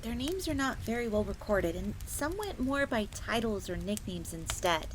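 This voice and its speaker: Here the fox maid is voiced at a mid-range pitch, expressive and lightly acted at a normal pace. The woman keeps the character young, earnest and secretive, confiding curious explanations to the listener and speaking of herself in third person, all over the sound of a crackling fire.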